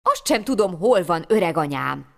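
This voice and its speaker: A woman voicing an eager, worried young wandering lad in a folk tale, with excited, raised exclamations. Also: on the low side, vocal fry. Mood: eager, alarmed. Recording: long hall reverb.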